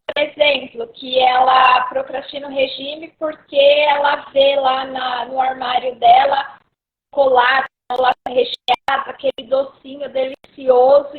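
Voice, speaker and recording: A woman's voice: sits high, narrow, tinny audio. A woman giving advice over a video call whose audio keeps cutting out and breaking up. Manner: conversational, explains with everyday examples. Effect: choppy, cutting-out online call audio. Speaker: co-host giving tips. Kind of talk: casual live-stream advice talk.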